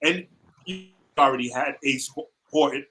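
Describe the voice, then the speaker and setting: A man's voice: mid-range voice, normal speed, pushed and bright. A man on a podcast panel, giving his opinions in a casual, wry way.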